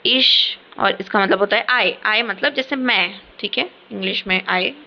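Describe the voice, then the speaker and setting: A woman's voice: mid-range voice, moderate pace, gravelly. A woman teaching a beginners' language lesson in casual Hinglish, patient and repeating herself often to check understanding. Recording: slightly dull lo-fi audio.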